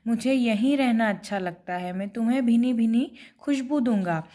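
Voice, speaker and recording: A woman teacher voicing a gentle male rose flower that pleads not to be picked, read slowly from a children's storybook. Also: fairly high pitch, lightly acted. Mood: pleading.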